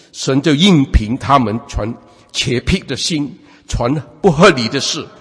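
Husky preacher man in an echoing hall. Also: mid-range voice. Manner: lively preaching, many repeated fillers and restarts. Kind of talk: sermon. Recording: long hall reverb.

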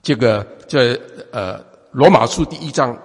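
Husky preacher man in an echoing hall. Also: mid-range voice, unhurried. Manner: lively preaching, many repeated fillers and restarts. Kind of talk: sermon. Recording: long hall reverb.

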